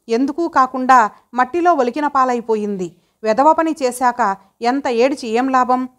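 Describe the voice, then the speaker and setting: A woman's voice: high-pitched, lightly acted. Woman voicing a remorseful poor wife. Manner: self-blaming, pleading.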